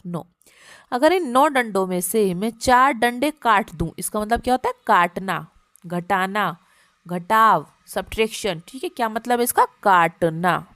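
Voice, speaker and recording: A woman with a fairly high voice teaches young children basic sums. She counts aloud step by step in a patient, coaxing way. Her voice is recorded close and dry, with no room sound. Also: a bit bright, no room sound. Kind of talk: primary maths lesson for children.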